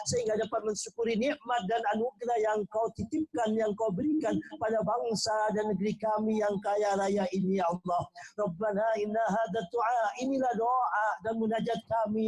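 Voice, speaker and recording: A man with a high, husky voice leads a fervent prayer, returning again and again to a chanted refrain. His delivery swells into impassioned calls, heard over a video call. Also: darkish tone, dry recording, rough recording. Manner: repeats "ya Allah" refrains, voice rising to impassioned calls.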